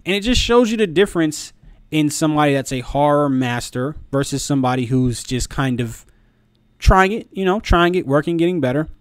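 Halting, casual man on a dry mic. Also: a little high, lively intonation, smooth, no echo. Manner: halting, repeats words. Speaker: video commentator. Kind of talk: casual review commentary. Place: small room at home. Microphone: close desk microphone, headphones on.

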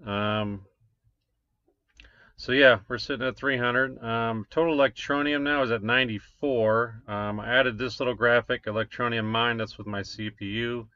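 A man's voice: mid-range voice, fairly even intonation, moderate pace, pushed and bright, dry recording. A man, casually walking through his crypto mining numbers, rambling with many fillers. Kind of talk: casual screen-share walkthrough. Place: small room at a desk. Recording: dull lo-fi desk recording.

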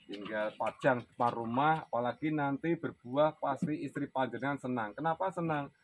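This man speaks at medium pitch and a moderate pace, his Javanese Indonesian accent clear as he hosts a relaxed sales pitch. Standing outdoors in a plant yard, he goes over bonsai that are for sale, saying the prices and names again for his viewers.

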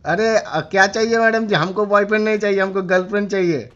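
This man speaks quickly in a high, slightly bright voice as he flirts with and teases a stranger during a prank in a shooter game's voice chat. He's a gamer streamer, and the game-chat recording is noisy and muffled.

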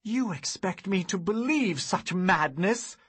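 A defiant young man, the tyrant's estranged son, who throws his words back hard and high, as a narrator acts him out. The voice is husky and breathy with a bright edge, and it rises well above the narration. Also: animated, slow, full character voice. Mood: accusing.

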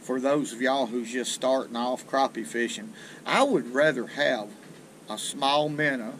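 An older man with a drawl hosts a fishing show from a small boat on a river, rambling folksily about tackle in casual how-to talk. His medium-pitched voice is fairly bright and a little slow. An action camera on the boat captures it roughly, with slight background noise.

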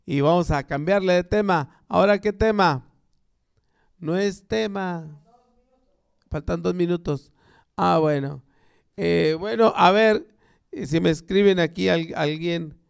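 Male host, high gravelly voice, unhurried chatty joke-telling, laughs at own gags. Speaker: show host telling jokes. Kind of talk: casual live-stream joke telling.

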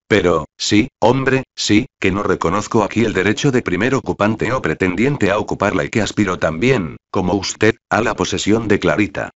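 A man's voice: on the low side, dull audio, natural voice. A man reading a smug, talkative young man who lectures his rival ironically in an audiobook.

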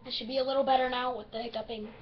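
A woman with the hiccups giving rambling, excitable let's-play commentary on a strategy game. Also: on the high side, rapid-fire, highs cut off, slight background noise. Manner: chatty, easily excited, rambling. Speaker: gaming video host.

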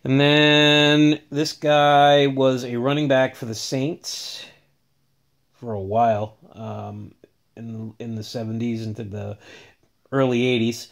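A man's voice: mid-range voice, flat delivery, takes it slowly, gravelly. A man casually talking through his autograph collection in a home vlog, rambling with many fillers and restarts, filmed on a handheld phone. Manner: rambling, filler-heavy, upbeat. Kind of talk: casual show-and-tell vlog.

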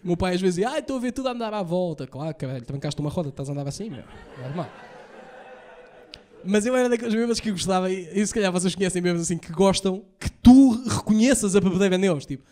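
A young man with a European Portuguese accent doing a stand-up set, telling profane stories rapid-fire and acting out the lines he quotes. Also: sits high, dark tone. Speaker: stand-up comedian. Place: comedy stage before a live audience.

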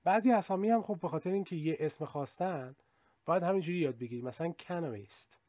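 A man with a fairly high voice teaches vocabulary, chatting through his explanations and then slowing right down to read example sentences clearly. The sound is dry and close, with no room echo. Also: darkish tone. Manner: explains in Persian, reads English examples slowly and clearly. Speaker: English teacher. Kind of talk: vocabulary lesson in Persian.

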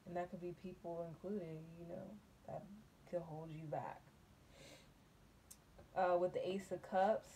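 A woman giving a casual tarot reading, musing and unhurried, humming and laughing softly between thoughts, from a table in a small dim room. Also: lowish voice, a little hiss or hum. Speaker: tarot reader.

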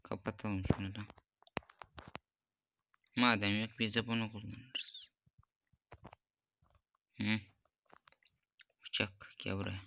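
A young man comments on a cooking game in an unhurried, drawn-out way. His voice sits a little low but has a bright, sharp edge. He mutters, reads the recipe steps aloud and grows openly exasperated when things go wrong. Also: little pitch movement, gravelly, a little hiss or hum. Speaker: gameplay streamer. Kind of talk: casual gameplay commentary.

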